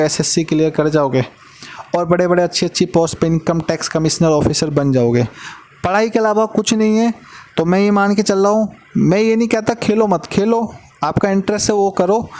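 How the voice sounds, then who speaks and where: Male maths tutor, high-pitched, talks like a big brother, repeats himself for emphasis. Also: a little mellow. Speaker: maths teacher. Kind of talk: casual classroom lesson and advice to students.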